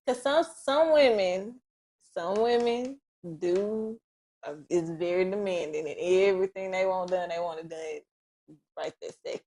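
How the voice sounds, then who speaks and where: A woman with a slightly low voice and co-hosts a podcast in relaxed conversation. She speaks softly and easily, but she pushes back quickly when she disagrees. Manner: relaxed, soft-spoken, quick to push back. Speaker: podcast co-host. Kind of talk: casual chat.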